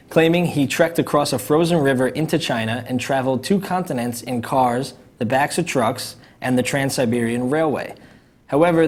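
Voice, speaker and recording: A young man co-hosting a casual chat show at an average pitch. He talks in halting bursts, restarting sentences and chuckling lightly. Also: darkish tone. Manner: hesitant, restarts often, chuckles. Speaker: co-host.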